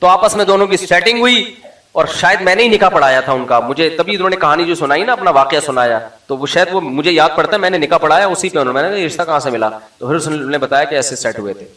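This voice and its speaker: A man gives a humorous religious lecture. His voice is fairly high and sharp, and he tells stories with lively mimicry. The sound is roomy and he stands a bit back from the mic. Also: fast, far from the mic. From Pakistan. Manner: animated storytelling, mimics the people he quotes. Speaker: Islamic scholar.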